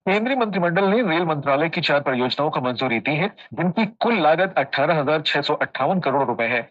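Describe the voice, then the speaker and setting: A man anchors a radio news bulletin in a fairly high voice. His reading is formal, scripted and measured. The broadcast sound is dull and lo-fi. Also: lively intonation, a bit bright.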